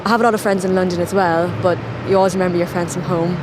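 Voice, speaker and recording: A woman answering a street interview in a relaxed, conversational way. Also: lowish voice, racing. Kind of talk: vox-pop interview. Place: outdoors on a city street. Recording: outdoor traffic noise. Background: traffic and cars.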